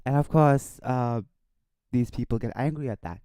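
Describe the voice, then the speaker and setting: A man giving casual off-the-cuff video commentary in a halting, repetitive way, stumbling over his words. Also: medium pitch, dark tone, clean tone, dry recording. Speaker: online commentary video host.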